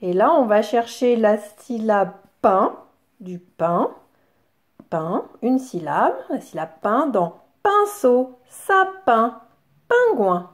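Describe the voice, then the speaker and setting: A woman teacher talks very slowly to small children, sounding out each word one syllable at a time. Her voice sits fairly high and swoops up and down in a lively, sing-song way. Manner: syllable-by-syllable enunciation, drawn-out words. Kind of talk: slow, careful classroom explanation for young children.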